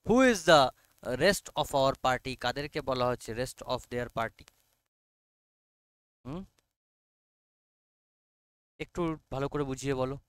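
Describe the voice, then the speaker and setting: A man's voice: medium pitch, fairly bright tone, clean tone, no room sound. A man teaching an online class with a Bengali accent, explaining an English text line by line and often checking whether students follow. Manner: coaxing, repeatedly checks understanding, reads English lines very slowly.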